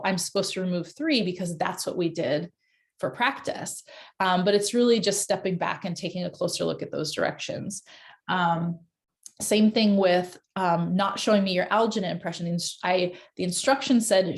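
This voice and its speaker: A woman instructor speaking over a video call, with a middle-range voice and a relaxed, conversational delivery. She fills her sentences with small hesitations and restarts as she goes over course details. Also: medium pitch. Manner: casual, many fillers and restarts. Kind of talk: online class session.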